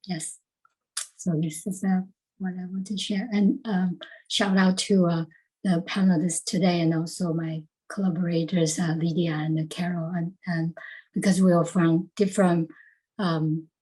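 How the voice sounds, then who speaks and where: Husky woman from Taiwan, halting. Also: fairly low pitch, little pitch movement, dark tone, rough recording. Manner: halting, many fillers and restarts. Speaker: panelist artist. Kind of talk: panel discussion.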